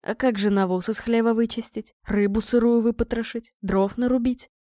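A woman voicing a crude, grubby male vagabond suitor in a low, whining, boorish voice. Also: steady tone, normal speed, warm tone, no room sound, studio quality, close to an everyday voice. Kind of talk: audiobook reading.

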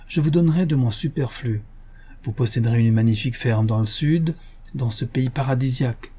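A man voicing a scheming male tempter in an audiobook, speaking in a soft, coaxing, persuasive way. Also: fairly high pitch, pitched above the performer's own voice, lightly acted. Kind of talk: audiobook character voice.

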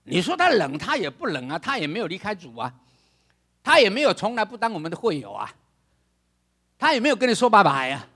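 Older pastor, bright high voice, dramatic sermon delivery. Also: male voice, huge pitch swings, brisk, long pauses, slightly rough. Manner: dramatic, acts out voices, laughs, shouts for emphasis.

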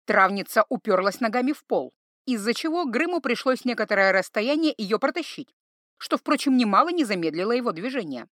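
A woman reading a storybook aloud, her fairly high voice rising and falling with lively expression. The sound is dry and close, with no room around it. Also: brisk, dry recording. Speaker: audiobook reader. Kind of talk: storybook narration.

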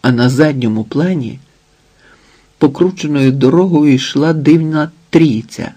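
A man narrating an audiobook novel in a slow, measured reading. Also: a little high, warm tone, husky. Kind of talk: scripted narration.

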